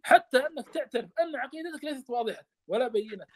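Fast, high-voiced impassioned male teacher. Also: animated, breathy edge. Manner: impassioned, stammers and repeats words. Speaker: teacher explaining a classical text. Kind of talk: study lesson.

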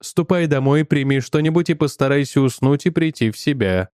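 A menacing inner voice, low and slow, nagging and mocking, as a man reads it out, close dry sound. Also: a little mellow, clean tone, dry recording, lightly acted. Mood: insistent. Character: stern menacing inner voice, male, urging violence.

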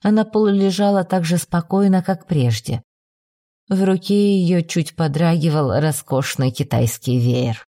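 Mellow-voiced woman narrating a novel. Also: on the low side, no echo, studio quality. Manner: measured, expressive reading. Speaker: audiobook narrator.

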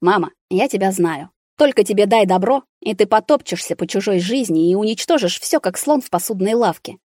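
A woman's voice: medium pitch, lively intonation, fairly quick, dry recording, clean studio sound, natural voice. Woman reading as a bitter young man. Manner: sharp, resentful, at times shouting. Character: bitter angry young man confined to a hospital ward.

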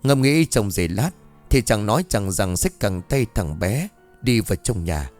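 A man narrating a scripted ghost story with a dramatic, expressive reading. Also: lowish voice, moderate pace. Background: faint music.

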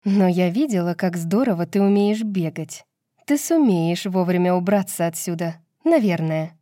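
A woman voicing a fierce, sharp-tongued young woman fighter with a curt, mocking manner. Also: on the low side, expressive, moderate pace, dry recording, studio quality, close to an everyday voice.

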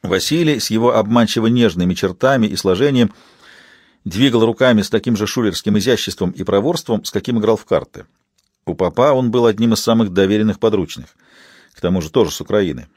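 Man, audiobook narrator, low voice, steady even storytelling, dry booth sound. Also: fast talker, dry recording. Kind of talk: scripted narration.

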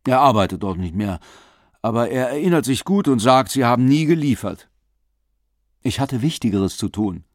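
A man voicing a pushy, prying older investigator who talks fast and insistently. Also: medium pitch, lively intonation, no echo, studio quality, lightly acted.

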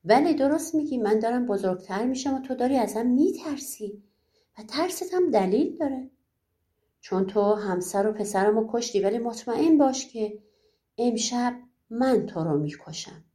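A woman's voice: sits high, expressive, warm tone. A woman voicing a cunning old hag, mother of giants, who pleads sweetly and then threatens. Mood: menacing.

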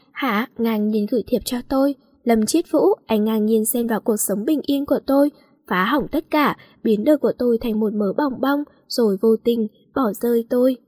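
A woman's voice: fairly high pitch, breathy edge, dry recording, studio quality. Woman reading as a proud, scorned young woman. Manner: sharp, accusing.

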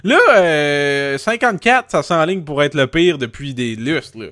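A young man with a Quebec French accent co-hosts a podcast, chatting casually, rambling, swearing casually, and often putting himself down. His voice is on the high side, expressive, and a bit bright, at a measured pace. The recording is dry and studio quality.

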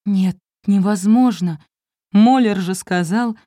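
A woman's voice: medium pitch, takes it slowly, warm tone, no room sound, studio quality, voice pushed up. A woman reading an audiobook, voicing an anxious, tearful young wife in an emotional, pleading tone. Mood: distraught.

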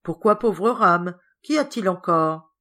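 A brisk, teasing governess, as a woman reader plays her, chides with a lively, rising and falling voice. Her tone sits a little low, and the telling has the feel of a storybook read aloud. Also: heavily acted.

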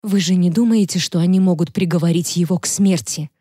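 A woman reading the lines of a worried mother in an audiobook, quiet and pleading. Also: fairly low pitch, a little fast, dry recording, clean studio sound, close to an everyday voice. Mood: anxious. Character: worried mother of an accused man.

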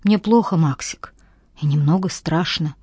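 A woman voicing an upset young woman who nags and reproaches in a high, whiny tone, in an audiobook. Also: unhurried, dark tone, breathy edge, dry recording, studio quality, heavily acted. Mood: tearful. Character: upset young woman, tearful and sharp-tongued.

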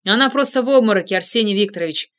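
A calm man with a deep bass voice, as a woman reader puts him on, reassuring others in a story read aloud. He speaks steadily and chides mildly. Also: very fast, close to an everyday voice. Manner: calm, reproachful.

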